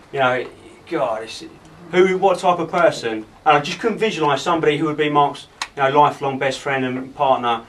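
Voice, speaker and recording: A man giving an informal, halting wedding toast speech, often repeating himself as he addresses the guests. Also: medium pitch. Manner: rambling, halting, repeats phrases. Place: wedding reception, speaking to gathered guests. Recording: distant mic in a noisy room.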